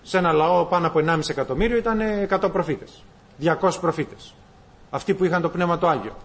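A man preaches a sermon. His delivery is animated, and he calls his listeners brothers. He swings between loud bursts and quiet asides. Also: fairly high pitch. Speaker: pastor.

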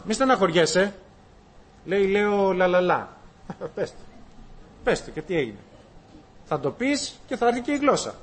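A man preaches a sermon. His delivery is animated, and he calls his listeners brothers. He swings between loud bursts and quiet asides. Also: sits high. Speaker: pastor.

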